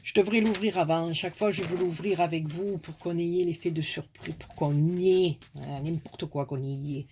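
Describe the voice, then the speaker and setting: A woman's voice: fairly low pitch, fairly even intonation, normal speed, few pauses, a little mellow, a little hiss or hum. A woman with a southern French accent, chatting casually and affectionately to viewers as she opens mail from her crafting followers. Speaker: craft YouTuber opening mail.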